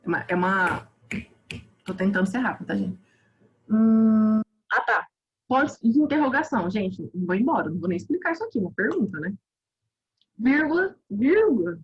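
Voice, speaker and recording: A woman teacher with a Brazilian Portuguese accent, giving a quick, informal grammar review with lots of self-interruptions. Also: medium pitch, expressive, slightly rough, muffled recording. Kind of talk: online grammar review lesson.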